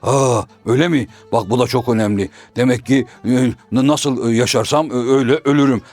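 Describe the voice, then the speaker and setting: A man voicing a simple-minded male shadow-puppet jester who stammers, mishears words and is slow to understand, in a traditional puppet comedy. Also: fairly even intonation, darkish tone, close to an everyday voice. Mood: confused. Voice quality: low, mumbling and stammering.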